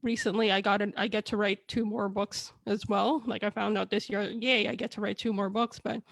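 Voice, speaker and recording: On a casual video chat, the author, whose native tongues are a Chinese dialect and Tagalog, shares her story candidly and ramblingly. She talks briskly with a flat delivery and vocal fry at medium pitch, and there is no echo.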